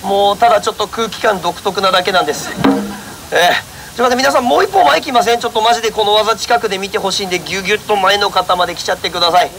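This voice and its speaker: A man's voice: sits high, rapid-fire, vocal fry. A man performing a street monkey show, jokingly scolding and coaxing his monkey while politely talking to the audience. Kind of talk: live street show banter with a crowd. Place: outdoor autumn festival. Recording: noisy outdoor festival ambience.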